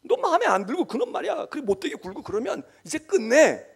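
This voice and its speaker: A blunt, commanding divine voice, as a male preacher puts it on gives orders to a tired prophet in a sermon. The voice sits high and swings widely, with a gravelly edge. The commands are plain and colloquial. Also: big pitch swings, quick pace, heavily acted. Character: God commanding a weary prophet, blunt and forceful.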